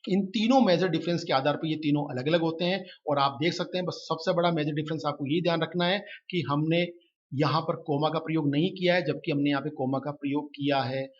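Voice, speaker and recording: A man teaching English grammar in a patient lesson, repeating his points and reading example sentences slowly. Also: on the high side, highs cut off. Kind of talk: lesson explaining grammar in Hindi.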